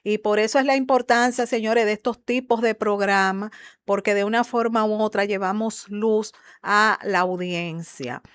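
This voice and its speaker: A woman's voice: medium pitch, fairly even intonation, moderate pace, clean tone, dry recording, studio quality. A woman hosting a talk show who addresses the audience directly and puts questions to her guest. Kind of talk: casual talk show discussion.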